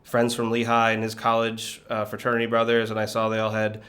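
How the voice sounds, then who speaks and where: A man in his thirties from Connecticut, a guest in an interview, talking in a relaxed, reflective way with many fillers. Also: on the low side, a little fast. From Connecticut, USA. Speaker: guest, business leader. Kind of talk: conversational interview.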